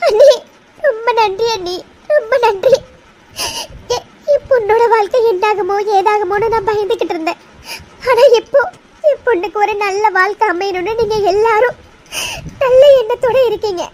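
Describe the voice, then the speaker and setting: A desperate cartoon mother, sobbing as she begs for her daughter, voiced by a woman. Her voice is very high and imploring. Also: fairly quick, a little hiss or hum. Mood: relieved tearful. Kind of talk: cartoon voice acting.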